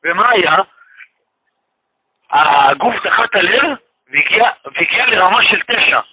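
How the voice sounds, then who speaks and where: Male storyteller, high-pitched and raspy, earnest religious testimony with emphatic repetition. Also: animated, narrow, tinny audio. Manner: repeats phrases for emphasis; religious expressions woven into speech. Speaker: guest telling a personal story. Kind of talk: emotional personal testimony.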